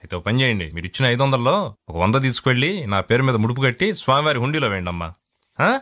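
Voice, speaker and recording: A man's voice: medium pitch, expressive, rapid-fire, a bit bright, dry recording, lightly acted. A man playing a bribe-taking traffic cop who makes bossy, blunt demands.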